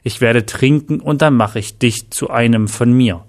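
Man doing bossy male vampire-werewolf, breathy and domineering, storybook horror. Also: medium pitch, moderate pace, natural voice. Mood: commanding. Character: male vampire-werewolf lover, commanding, hungry.

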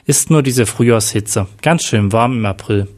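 A man's voice: medium pitch, normal speed, a little mellow, lightly acted. A man voicing a female police chief who brushes off concern and gives orders. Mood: brusque. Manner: brusque, dismissive. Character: tough female police chief hiding her illness.

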